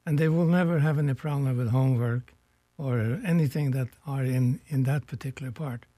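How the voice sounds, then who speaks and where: An older man born in Norway, a retired economics professor, speaking as a radio guest in a reflective, searching way with pauses. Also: medium pitch, mellow, no echo. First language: Norwegian. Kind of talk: radio conversation.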